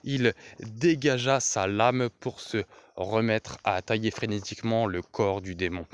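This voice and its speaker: A man narrates a fantasy novel in a measured, deliberate way. His voice sits low, comes across smooth and resonant, and he keeps an unhurried pace. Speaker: audiobook narrator.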